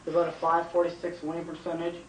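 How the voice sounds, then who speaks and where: A man's voice: a little high, monotone, fast talker, close to an everyday voice. A young man doing a comic teacher impression of an earnest, intense baseball coach giving emphatic, repetitive speeches. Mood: earnest, proud. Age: young adult. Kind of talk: teacher impression, comedy skit. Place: home kitchen. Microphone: camcorder across the room. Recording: roomy, distant, hissy home camcorder.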